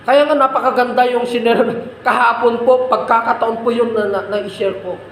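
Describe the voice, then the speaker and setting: A man's voice: extremely high pitch, steady tone, moderate pace, a bit bright, echoey room, slight background noise, low-quality recording. A man preaching a sermon as a pastor, repeating phrases and asking rhetorical questions.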